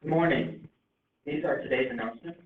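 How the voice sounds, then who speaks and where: A man reading the morning announcements over a school intercom in a brisk, businesslike way. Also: a little high. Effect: heard over a school intercom. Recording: tinny echoey intercom with hiss.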